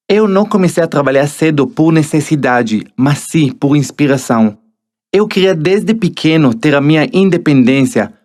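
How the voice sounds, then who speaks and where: A man's voice: a little high, darkish tone. Israeli man narrating his motivational audiobook. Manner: motivational, addresses the listener directly. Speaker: author narrating his own book.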